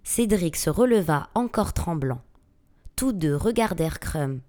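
A woman narrating a fantasy audiobook with dramatic, expressive storytelling. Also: lowish voice, a little slow. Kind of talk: audiobook reading.

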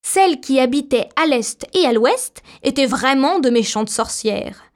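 A woman voicing a kindly little old good witch who speaks calmly and gently. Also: high voice, measured pace. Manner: calm, gently reassuring.

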